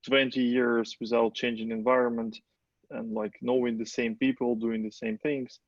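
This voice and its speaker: Gravelly man hosting a webinar. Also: mid-range voice, flat delivery, no room sound. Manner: halting, many fillers like "like". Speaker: webinar host. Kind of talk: webinar conversation. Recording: dry, dull video call audio.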